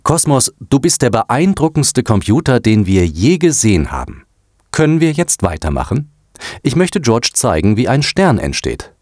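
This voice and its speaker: An enthusiastic, patient man who coaxes his sulky computer along in a storybook, played by a man. The voice rises and falls in lively swings. It is close and dry. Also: medium pitch, normal speed, dry recording, voice pushed up. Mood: exasperated. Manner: coaxing, patient.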